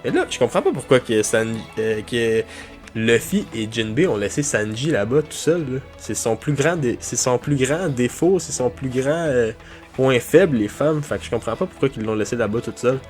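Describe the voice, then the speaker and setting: A man's voice: medium pitch, animated, normal speed, darkish tone, soft background music. A man, tired, reacting casually to a manga chapter and thinking aloud. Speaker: manga reviewer.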